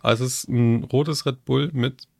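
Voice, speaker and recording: A man's voice: medium pitch, fairly even intonation, moderate pace, gravelly, a little mellow. A young man co-hosting a podcast, teasing his partner with dry remarks, crude jokes and short interjections. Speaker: podcast co-host. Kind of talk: casual chat.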